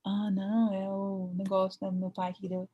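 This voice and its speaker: A woman's voice: medium pitch, completely flat delivery, normal speed, phone-quality sound. A woman with a Brazilian Portuguese accent giving a chatty online veterinary ultrasound lecture, often acting out her own thoughts.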